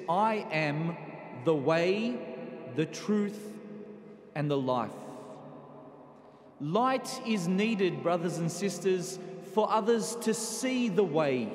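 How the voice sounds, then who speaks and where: A man preaching a homily as a priest at a pulpit microphone, slow and deliberate with pauses. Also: sits high. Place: large cathedral. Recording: echoey cathedral with long reverb.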